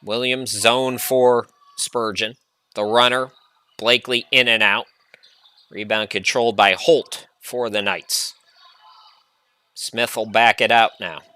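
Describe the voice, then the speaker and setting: A man calling a basketball game play-by-play, chatty and prone to rambling asides between excited calls. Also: on the low side, slow, long pauses, clear, resonant tone, no echo. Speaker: play-by-play announcer.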